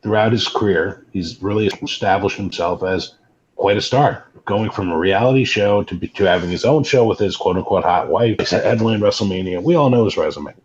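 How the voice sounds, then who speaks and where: A man co-hosting a podcast, giving casual but measured, discursive wrestling commentary. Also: deep voice. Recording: muffled lo-fi, clearly noisy background.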